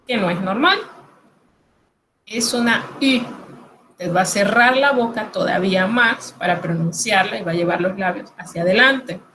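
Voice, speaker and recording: Here a Latin American Spanish-accented woman explains French pronunciation in Spanish during a recorded lesson, going sound by sound with patience and reassurance. She speaks at medium pitch, a touch bright. There's a little hiss or hum on this low-quality recording.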